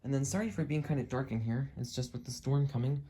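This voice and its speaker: Speaking quickly in a mid-range voice with a dark, slightly rough edge, this home hobbyist rambles through an off-the-cuff show-and-tell. They hold the camera themselves, staying out of frame indoors, and keep fixing their own words.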